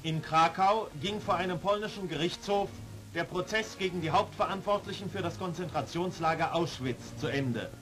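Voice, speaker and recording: A man with a slightly high voice narrates an old newsreel, formal and solemn. The sound is that of a 1940s film track, with some music behind the voice. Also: poor audio.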